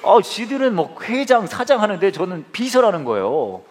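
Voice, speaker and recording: A man's voice: high-pitched, huge pitch swings, moderate pace, slight background noise. A man in his forties preaching a sermon, telling humorous family stories and speaking directly to the congregation. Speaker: pastor.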